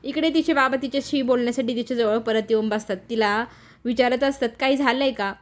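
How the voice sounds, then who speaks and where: High-voiced woman recapping a serial. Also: fairly even intonation. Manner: brisk retelling that slips into characters' quoted lines. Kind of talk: storytelling recap of a TV serial episode.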